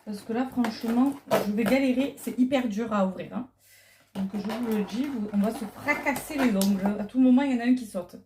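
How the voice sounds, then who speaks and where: A woman's voice: a little high, fairly quick, noisy background. A middle-aged woman chatting casually on a clip-on mic, hesitant with many fillers. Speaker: vlogger. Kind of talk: casual unboxing chat. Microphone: clip-on lapel mic.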